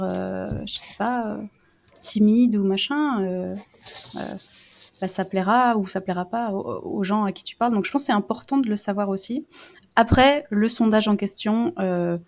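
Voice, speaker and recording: A woman's voice: mid-range voice, moderate pace, gravelly, darkish tone. A woman from France, a guest on a podcast, talking casually with a lot of hesitation, fillers and restarts. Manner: hesitant, many fillers and restarts, self-deprecating. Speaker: guest YouTuber.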